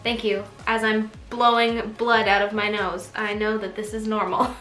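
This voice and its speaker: A woman's voice: mid-range voice, flat delivery, moderate pace, fairly bright tone, roomy sound, soft background music. A young woman chatting casually to camera as a vlogger, bubbly and laughing often, with a stuffy nose. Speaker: pregnancy vlogger.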